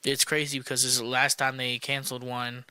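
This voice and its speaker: A man's voice: medium pitch, level tone, a little fast, bright, forceful tone, clear, resonant tone, no room sound. A man co-hosting a casual sports podcast, laid-back and skeptical, talking loosely with plenty of fillers. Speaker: podcast co-host.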